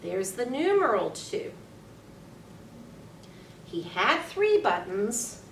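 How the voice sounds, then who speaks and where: A woman reading a picture story aloud to young children like a teacher, with sing-song, exaggerated delivery and simple, deliberate phrasing for counting along. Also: fairly high pitch, big pitch swings, a bit bright. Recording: roomy, distant mic, faint noise.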